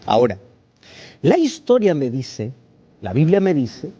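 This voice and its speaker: Impassioned pastor, lively pitch. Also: male voice, measured pace, breathy edge, dull audio. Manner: impassioned, rising high when pleading, hushed in prayer. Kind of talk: sermon with closing prayer.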